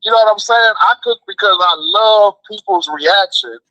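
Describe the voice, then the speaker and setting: On a phone line to a show, an American food truck cook chats casually and tells stories, his speech slangy, emphatic and full of repeats. His voice sits high and moves at a moderate pace. There's no room sound, and the highs are cut off.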